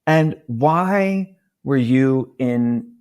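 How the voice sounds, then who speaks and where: A man's voice: mid-range voice, extremely slow, clean tone, no echo, studio quality. A man from Georgia, a company founder talking as a podcast guest, telling stories animatedly and acting out quotes. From Georgia, USA. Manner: animated storyteller who acts out quotes. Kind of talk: casual interview talk.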